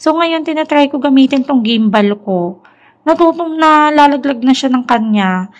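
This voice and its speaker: A young woman and teacher, talking softly and chattily at home at night in a casual product review vlog. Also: sits high, animated, moderate pace, poor audio. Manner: talks softly, near a whisper, at night; chatty, mixing Tagalog and English. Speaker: teacher reviewing a lapel mic.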